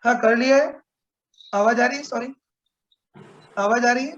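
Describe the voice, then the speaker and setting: A man's voice: very high voice, moderate pace, fairly bright tone, lo-fi sound. A man teaching a physics class online, explaining step by step and checking in with students often. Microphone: video call.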